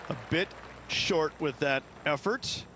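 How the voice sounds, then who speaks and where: A male golf commentator in the analyst's role, with a fairly high voice. He gives short reactions to shots over faint background noise. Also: slow.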